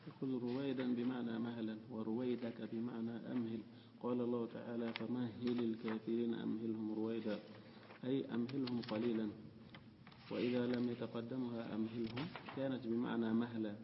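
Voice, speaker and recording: Flat, gravelly man reading a text aloud. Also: medium pitch, fairly quick, long reverb tail, muffled recording, noisy background. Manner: steady formal recitation.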